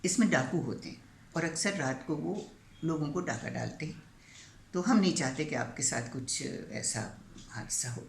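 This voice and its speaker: A woman's voice: deep voice, animated. An older woman storyteller voicing a worried male concert organizer who gives an earnest warning, in a roomy recording. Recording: roomy echo, faint background hiss.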